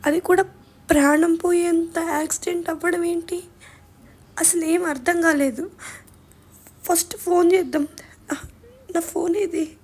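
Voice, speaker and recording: A woman's voice: sits high, a little mellow. A young woman vlogger telling a personal family story with emotion, acting out what her relatives said. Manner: emotional retelling, acts out family members' words.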